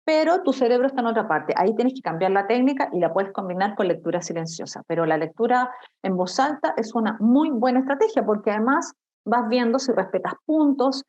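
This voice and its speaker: A woman's voice: fairly high pitch, expressive, a little fast, a little mellow. A middle-aged woman with a Chilean accent, giving a lesson on study techniques and often checking in with her students. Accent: Chilean Spanish. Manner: explanatory, addresses students directly with frequent checks. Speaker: teacher. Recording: dull lo-fi recording.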